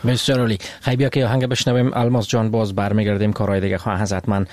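A man's voice: fairly low pitch, level tone, darkish tone, no echo. Male interview host. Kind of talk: casual interview chat.

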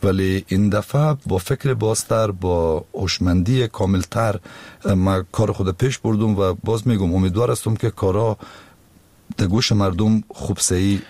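A man's voice: fairly low pitch, a little mellow, dry recording. A male singer with an Afghan Dari accent, talking reflectively in a casual interview.

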